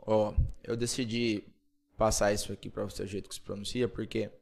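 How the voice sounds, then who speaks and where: A man from Brazil teaching English pronunciation, repeating each word slowly and checking in with playful asides. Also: fairly low pitch, flat delivery, a little mellow. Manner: repeats words slowly and clearly, asks "beleza?" often. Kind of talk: Portuguese-spoken English pronunciation lesson.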